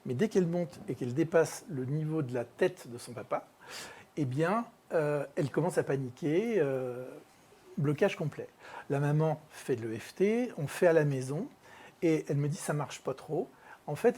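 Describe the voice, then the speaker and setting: An EFT practitioner and trainer speaking in a workshop, relaxed and full of pauses, recounting a case and acting out dialogue with a child. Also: mid-range voice, husky. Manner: storytelling, acts out dialogue with a child; relaxed, many fillers and pauses. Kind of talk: workshop talk with an anecdote.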